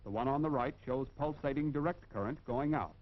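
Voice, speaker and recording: 1940s American film narrator, dull vintage sound. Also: male voice, mid-range voice. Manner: formal, instructive, measured emphatic delivery.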